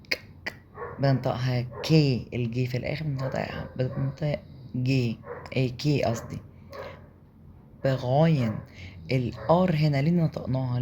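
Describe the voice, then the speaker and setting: An Egyptian-accented man walks learners through German letter combinations at an easy middle pitch. He repeats sounds patiently and keeps checking in with a quick question. A faint noise sits behind his voice. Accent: Egyptian Arabic. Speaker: German language teacher. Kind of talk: explaining pronunciation in a lesson.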